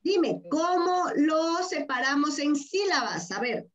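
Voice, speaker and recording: A woman's voice: high voice, animated, slow pace, fairly bright tone. A Peruvian woman teaching a primary class online, patient and affectionate, coaxing answers with questions and repeating key words. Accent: Peruvian Spanish. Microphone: video call. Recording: dull lo-fi video call audio.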